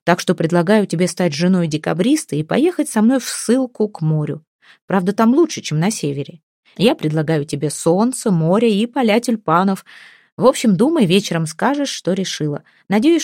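Figure: calm, decisive grown man, as a woman reads him; mellow, steady, dry. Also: lowish voice, moderate pace, no echo.

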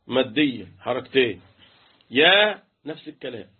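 A man's voice: mid-range voice, expressive, normal speed, breathy edge. A man with an Egyptian accent teaching Quran recitation rules, quizzing his students and chanting letters. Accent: Egyptian Arabic. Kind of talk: interactive tajweed lesson. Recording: tinny phone-like line.

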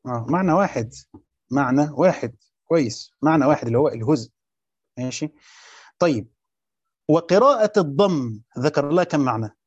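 Egyptian male teacher, fast and slightly high, reads then explains and quizzes; dull lo-fi sound. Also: expressive, husky, no echo. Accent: Egyptian Arabic. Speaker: teacher of Quran commentary. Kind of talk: classroom lecture reading and explaining a text.

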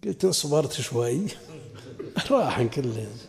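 A man teaching a religious commentary lesson, deliberate and earnest with colloquial asides. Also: medium pitch, very animated, gravelly, darkish tone. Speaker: sheikh teaching a Quran commentary class. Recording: long hall reverb.

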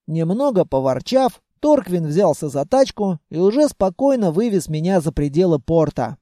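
Mellow, dry first-person audiobook narrator. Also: mid-range voice, big pitch swings, moderate pace, no room sound.

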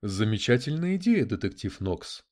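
A man's voice: medium pitch, big pitch swings, normal speed, darkish tone, lightly acted. A man voicing a prim, coldly logical male detective android who speaks in an oddly mechanical, lecturing way. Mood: cool challenge. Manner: precise, lecturing, unflappable.

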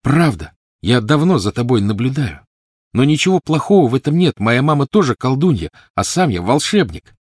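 A man's voice: mid-range voice, wildly swooping pitch, moderate pace, husky, no echo, studio quality, voice pushed up. A man voicing an awkward, intense skinny boy who speaks earnestly and turns scornful.

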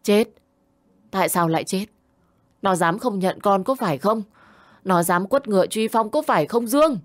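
A woman's voice: mid-range voice, moderate pace, no echo, pitched above the performer's own voice, lightly acted. A woman voicing an anguished old grandmother who scolds and laments, raising her voice. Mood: scolding. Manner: scolding, lamenting, loud and pleading.

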